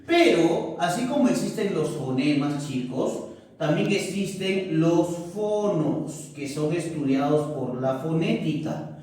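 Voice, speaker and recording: A male teacher giving a recorded lesson, unhurried and checking in with the class often. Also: fairly high pitch, a little mellow. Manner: unhurried, keeps checking in with correcto and ya. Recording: echoey room, mic at a distance.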